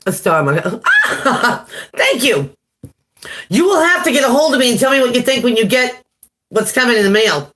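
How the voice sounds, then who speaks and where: A woman's voice: fairly high pitch, sing-song, normal speed, a bit bright. A woman giving a casual live-stream tarot reading, chatty, laughing at her own jokes and greeting viewers by name. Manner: chatty, laughs at herself often. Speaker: tarot reader.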